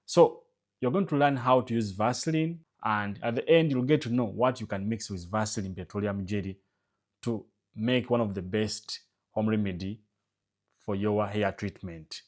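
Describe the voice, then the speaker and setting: A man's voice: fairly low pitch, moderate pace, darkish tone. A man from Uganda with a Ugandan English accent, giving a casual home-remedy tutorial. He talks emphatically and repeats his calls to subscribe, his voice rising on key words. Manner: repetitive, urging viewers to subscribe. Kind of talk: casual instructional vlog.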